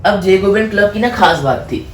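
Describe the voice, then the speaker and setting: A man's voice: high voice, lively intonation, moderate pace. Man teaching history in an echoey room. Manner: mixes Hindi and English, stumbles over French names and apologizes; asks himself questions then answers them. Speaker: history tutor. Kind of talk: casual exam-prep lesson. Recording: echoey room, faint background noise.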